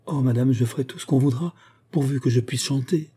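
A man's voice: mid-range voice, brisk, mellow, slightly rough, close to an everyday voice. A man voicing an earnest, hopeful young orphan girl in an audiobook. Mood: eager.

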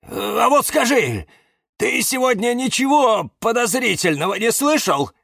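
A man voicing an anxious, excitable young male cactus in a children's storybook. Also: very high voice, a little slow, gravelly, no echo, clean studio sound, voice pushed up, full character voice. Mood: puzzled. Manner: excitable, jumpy.

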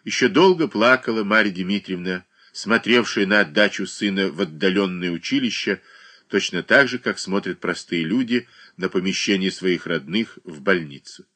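A man reading a classic novel aloud as an audiobook narrator, with expressive storytelling. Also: deep voice, moderate pace. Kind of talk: scripted literary narration.

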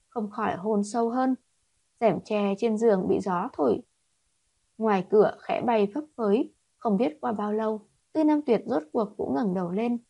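A woman reading a romance novel aloud in steady scripted narration. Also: mid-range voice, gravelly, husky, no room sound. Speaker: audiobook reader.

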